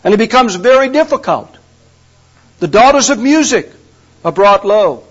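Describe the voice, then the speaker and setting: Older male preacher, high-pitched, homespun humor, muffled lo-fi sound. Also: sing-song, normal speed. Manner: folksy storytelling with humor. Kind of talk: sermon. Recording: dull lo-fi recording.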